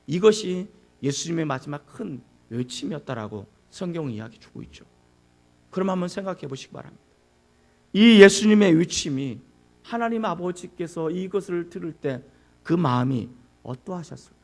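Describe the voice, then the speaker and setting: A man's voice: fairly high pitch, expressive, normal speed. A male pastor preaching a sermon, who asks the congregation questions and acts out anguished cries.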